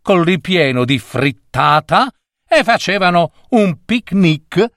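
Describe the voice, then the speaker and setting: A man reading a children's story aloud in an expressive way, changing voices for the characters. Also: sits high, takes it slowly, no room sound, studio quality. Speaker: narrator.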